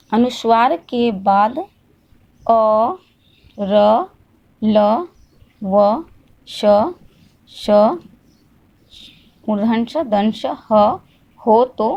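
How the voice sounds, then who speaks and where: Woman, teacher, grammar lesson, slightly high voice, asks and answers own questions, repetitive. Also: vocal fry, dark tone. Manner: asks questions and answers them herself, repeats slowly.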